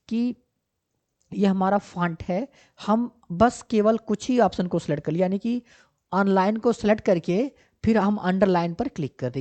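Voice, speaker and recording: Casting: woman computer tutor, mellow voice, patient step-by-step questions, slightly dull lo-fi recording. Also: mid-range voice. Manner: asks herself questions and answers them, checks often with 'ठीक ना'; repetitive, step-by-step explaining. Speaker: computer teacher. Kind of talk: screen-recorded software tutorial.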